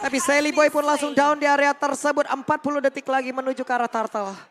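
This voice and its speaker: High-pitched male esports caster. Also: little pitch movement, fast, fairly bright tone. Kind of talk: excited play-by-play esports commentary.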